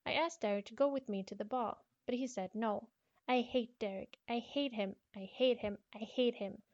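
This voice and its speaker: A woman's voice: high-pitched, fairly even intonation, moderate pace, dull audio, voice pushed up, lightly acted. A woman voicing a frightened, obsessive young schoolgirl reading out her horror diary, pleading, stammering and repeating herself. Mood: angry, desperate.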